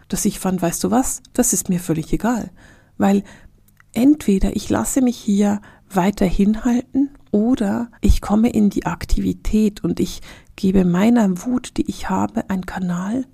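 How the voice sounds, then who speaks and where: A woman hosting a reflective podcast monologue, speaking straight to the listener and often dropping into soft, whispery phrases. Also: medium pitch, creaky, slightly rough, no echo, studio quality. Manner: addresses the listener directly as "du". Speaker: podcast host.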